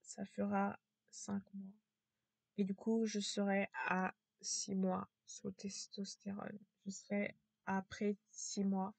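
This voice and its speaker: A woman talking to camera in a casual vlog with a low, strained voice, hesitant and repetitive, full of fillers and restarts. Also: flat delivery, slow pace, darkish tone, no echo. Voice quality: low, gravelly voice.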